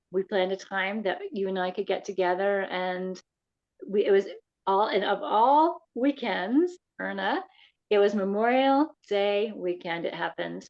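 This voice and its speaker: A woman hosting a casual podcast chat, talking in a chatty, halting way. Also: mid-range voice. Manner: chatty, halting, many "um" and "yeah". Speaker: podcast host. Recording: dull lo-fi audio.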